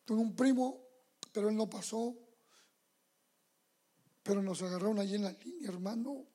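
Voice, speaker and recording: A man's voice: high voice, moderate pace, mellow, breathy edge. A man preaching a sermon as pastor, fervent and calling his listeners brothers.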